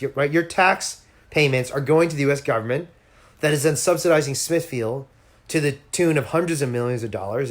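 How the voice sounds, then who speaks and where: Streaming casually from home on a phone or laptop, a man who campaigns for animal rights makes an earnest, persuasive appeal straight to his viewers. His voice is mid-range with a fairly bright tone.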